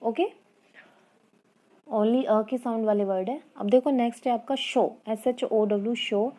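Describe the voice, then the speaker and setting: Patient woman teacher, dark mellow voice. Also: fairly high pitch. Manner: repeats words and asks the class questions; reads English lines slowly and carefully. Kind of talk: online class lesson in Hindi-English mix.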